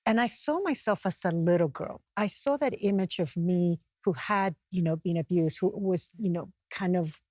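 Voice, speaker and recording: Peruvian-born woman, earnest, reflective talk show guest, lower register. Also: darkish tone, no echo. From Peru. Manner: earnest, reflective, pausing to find words. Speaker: guest author and mountaineer.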